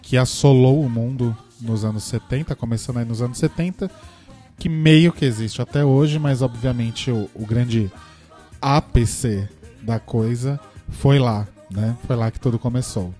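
A man hosting a casual radio chat about music, teasing his co-host in a flamboyant, relaxed way. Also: mid-range voice, a little slow. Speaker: podcast host.

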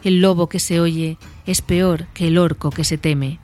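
A woman's voice: lowish voice, fairly even intonation, unhurried, a little mellow, faint music behind, natural voice. Boromir, a woman reading a blunt proud warrior.

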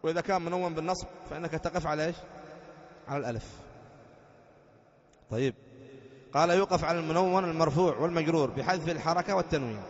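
A man teaching a grammar lesson, explaining patiently, quizzing students with rhetorical questions, and chanting the text slowly when reading it aloud. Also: on the high side. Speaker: sheikh teaching Arabic grammar. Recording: dull lo-fi lecture recording in a reverberant hall.

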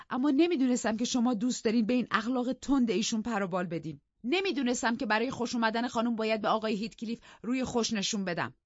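A blunt, defensive housekeeper in a storybook reading, as a woman narrator speaks her part. She argues her case indignantly in a fairly high voice. The recording is dry and slightly dull. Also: dry recording, natural voice. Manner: defensive, pleading.

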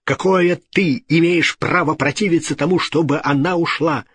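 A man's voice: on the high side, fairly even intonation, normal speed, a bit bright, breathy edge, no echo, voice pushed up. A man voicing a resolute young nobleman who speaks firmly and urgently. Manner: firm and urgent. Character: brave Scottish nobleman, resolute, calm under threat.

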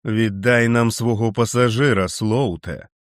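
A man voicing a chorus of jeering beast-men who taunt and chant in slow, drawn-out calls. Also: medium pitch, fairly even intonation, lightly acted.

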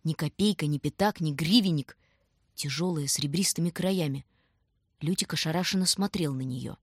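A woman reads a story aloud in a calm, measured voice that sits low and sounds husky. The recording is dry and close, with no room sound. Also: no echo. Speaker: narrator. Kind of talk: audiobook narration.

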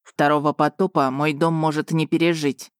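A woman's voice: deep voice, little pitch movement, moderate pace, dry recording, clean studio sound, natural voice. A woman voicing a stern, commanding duke who gives curt, clipped orders.

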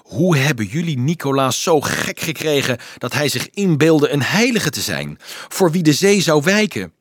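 A man's voice: a little high, sing-song, moderate pace, no echo, studio quality. A man reading an indignant, brave teenage boy who accuses and questions sharply, in a raised voice. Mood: accusing. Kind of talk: audiobook character voice.

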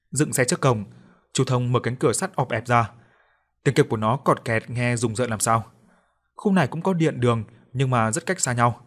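A man steadily narrating a spooky story as a scripted audiobook reading. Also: medium pitch.

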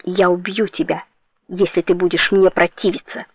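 Woman reading a possessive, menacing male villain, storybook, slow threats, phone-like audio. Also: on the low side, level tone, husky. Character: cruel obsessive male villain. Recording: tinny phone-like dry sound.

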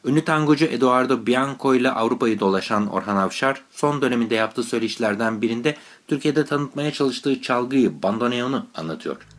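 A man's voice: medium pitch, lively intonation, fairly quick, hardly any pauses. A man reading scripted narration as a radio host.

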